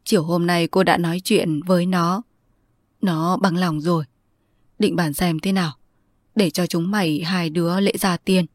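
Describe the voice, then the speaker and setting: A woman's voice: fairly low pitch, steady tone, a little slow, dry recording. A woman voicing an anxious, tearful aunt who pleads with her nephew in a storybook reading. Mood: pleading.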